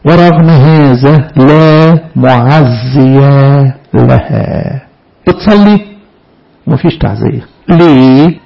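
A man's voice: on the high side, gravelly, husky. A man preaching a sermon with an Egyptian Arabic accent, asking questions and answering them himself. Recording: dull lo-fi recording.

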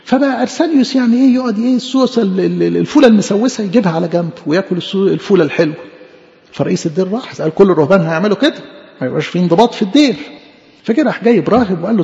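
A fast-talking, high-voiced man with an Egyptian accent delivers a sermon. He tells stories with animated, acted-out quotes. The recording is dull and echoes with a hall's long reverb. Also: vocal fry. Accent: Egyptian Arabic. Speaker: preacher.

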